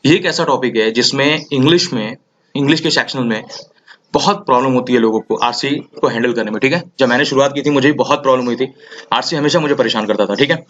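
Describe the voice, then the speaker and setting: A young man tutoring exam students in a casual, energetic way, often checking in with "theek hai". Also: medium pitch, a little hiss or hum. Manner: energetic, repeats "ठीक है" often. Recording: slightly dull lo-fi audio.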